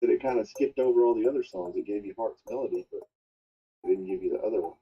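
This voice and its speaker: A man's voice: lowish voice, fast, husky. A married man chatting casually on a call, joking wryly about his work and his meals. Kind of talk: casual chat. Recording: dull lo-fi voice chat audio.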